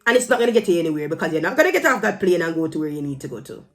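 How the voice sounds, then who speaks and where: A Jamaican woman with a low-sitting voice talks fast, her pitch swinging widely. Speaking casually to camera as a vlogger sharing her opinion, she admonishes her viewers emphatically and drops into Patois phrases.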